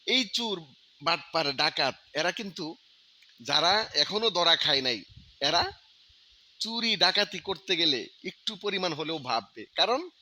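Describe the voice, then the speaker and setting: Bright-voiced man giving earnest commentary. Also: a little high. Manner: earnest, rising emphatic preaching tone. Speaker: religious commentator. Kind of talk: commentary on a video.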